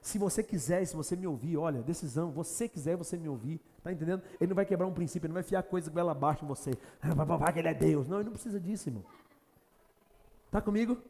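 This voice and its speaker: High-voiced fervent preacher in a reverberant hall. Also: male voice, rapid-fire. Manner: fervent preaching, rising to shouts, rhetorical questions to the congregation. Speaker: pastor. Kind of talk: sermon.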